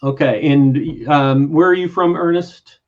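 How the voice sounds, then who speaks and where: A man's voice: on the high side, measured pace, muffled recording. A man hosting a friendly online chat with a country American accent, talking hesitantly with many fillers. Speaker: host. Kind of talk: casual interview chat.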